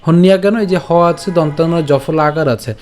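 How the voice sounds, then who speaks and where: A man with a Bengali accent teaching pronunciation step by step, patiently repeating syllables slowly and checking in with his listeners. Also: fairly high pitch, darkish tone, a little hiss or hum. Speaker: Gita recitation teacher.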